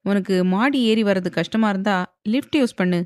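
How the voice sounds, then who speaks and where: A man's voice: high voice, moderate pace, a little mellow, no echo, lightly acted. Woman doing a wry, teasing husband in an audio romance, offhand, dry close recording. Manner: mocking, offhand.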